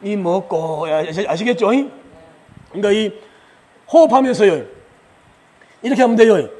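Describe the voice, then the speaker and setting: At a religious retreat, a man with a high voice gives a lively lecture at normal speed, asking the audience questions, answering them himself, and chuckling often as he explains.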